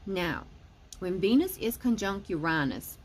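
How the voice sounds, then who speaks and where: A woman's voice: mid-range voice, sing-song, a little slow, darkish tone. A woman giving a casual weekly astrology and tarot forecast, explaining each point and often saying "okay" between them.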